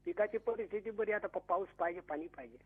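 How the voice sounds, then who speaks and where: An older man from Yavatmal district, a farmer calling into a radio phone-in, talking in a plain, halting way and listing his family. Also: sits high, breathy edge. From Yavatmal district, Maharashtra. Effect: phone-line caller voice. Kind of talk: call-in chat. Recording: dull, lo-fi phone line with faint hiss.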